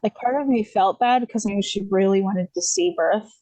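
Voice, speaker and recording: A woman's voice: mid-range voice, animated, fairly quick, mellow, no echo, poor audio. Dry-sounding woman from the USA, rambling. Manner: rambling, many fillers and restarts; laughs lightly while telling. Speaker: podcast guest. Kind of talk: casual storytelling.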